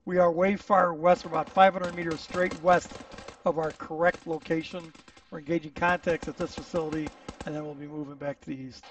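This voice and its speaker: A man's voice: a little high, fairly even intonation, a little fast. A man speaking as squad leader in a military simulation game, giving clipped, directive orders in radio-style tactical chat. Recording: distant mic, engine and vehicle noise.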